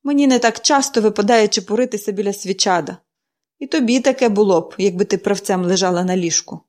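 A woman's voice: medium pitch, fast, darkish tone, natural voice. A woman reading a storybook and voicing a bitter, bedridden woman in her forties who answers dryly and grudgingly. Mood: weary. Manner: dry, grudging, sardonic.

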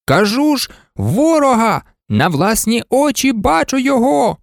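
A narrator voicing an excitable toy pilot who shouts eagerly in a storybook. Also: medium pitch, a little slow, gravelly, no echo, clean studio sound, pitched above the performer's own voice. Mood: excited.

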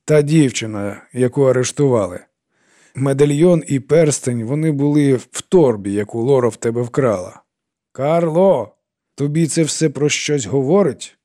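A man reading an audiobook and voicing an older woman with arthritic hands who speaks in a measured, firm tone. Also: mid-range voice, animated, dark tone, dry recording, clean studio sound, pitched above the performer's own voice, natural voice. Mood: stern, exasperated. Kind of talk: audiobook character voice.

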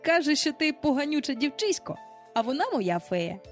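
A woman doing a cocky young boy who shrugs everything off with a brash, breezy swagger. The voice sits high and swings lively through each line, with a storybook audiobook feel. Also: soft background music. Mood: explaining. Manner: boastful, breezy, quick to brush things off. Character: cheeky boy who never grows up.

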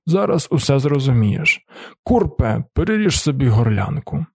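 Brief: man doing a brash, mocking male vagabond, husky and commanding, audiobook. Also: mid-range voice, sing-song, moderate pace, dry recording, studio quality, heavily acted. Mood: boastful. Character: boastful crude male drifter, master of a servant.

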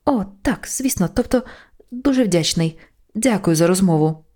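A woman's voice: mid-range voice, expressive, moderate pace, warm tone, natural voice. A woman reading a storybook voices a fussy, anxious male angel who hesitates and then panics. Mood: flustered. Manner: flustered, hesitant, rising into panic.

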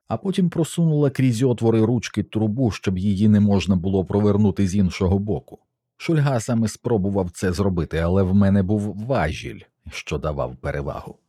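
A man reading a first-person action story aloud in steady, tense scripted narration. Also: on the low side, breathy edge, no room sound, studio quality. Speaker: audiobook narrator.

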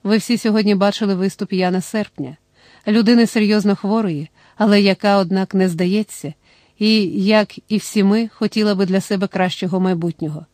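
A woman's voice: mid-range voice, fairly even intonation, fairly quick, darkish tone, no room sound, studio quality, close to an everyday voice. Woman reading as an oratorical male candidate. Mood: solemn. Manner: oratorical, addressing a crowd. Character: male political candidate, smooth rally speaker.

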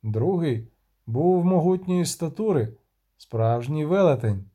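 A man reading a novel aloud in measured, even scripted narration. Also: on the high side. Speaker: audiobook reader.

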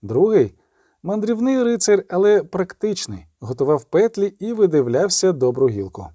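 Male audiobook narrator: animated reading, mellow dark voice, dry close sound. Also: high voice, normal speed, dry recording. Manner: animated storytelling.

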